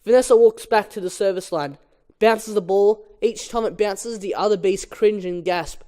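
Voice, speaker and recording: A young man with a high-sitting, darkish voice reads a film script aloud as an amateur at a moderate pace, chatting casually in between. His talk has a sweary, exasperated edge.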